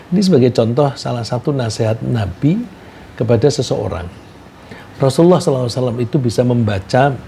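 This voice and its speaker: A man preaching a sermon, telling a cautionary story in a measured way and posing rhetorical questions. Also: medium pitch, creaky, mellow, slight background noise.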